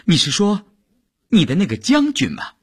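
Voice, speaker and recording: A man's voice: mid-range voice, huge pitch swings, moderate pace, a bit bright, slightly rough, pitched above the performer's own voice, exaggerated voice. A man doing a jealous, sneering officer. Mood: baffled. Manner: sneering, agitated. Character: jealous, scornful male comrade officer.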